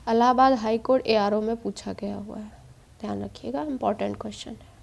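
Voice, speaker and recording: A woman teaching an exam-prep Hindi spelling lesson, going through quiz questions one by one in a steady explaining tone. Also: mid-range voice, fairly quick, creaky. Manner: steady explaining tone, mixes English quiz terms.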